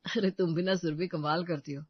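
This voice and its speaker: A breezy young husband from an animated story, casual and reassuring, mixing in English phrases. His voice sits high for a man. The recording is dry and a bit dull. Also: normal speed, slightly rough, dry recording. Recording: dry, slightly dull lo-fi audio.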